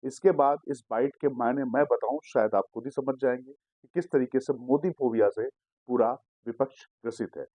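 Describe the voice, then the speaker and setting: A man's voice: mid-range voice, moderate pace, dark tone, dry recording. Assertive man hosting political news. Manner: assertive, explanatory. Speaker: digital news host.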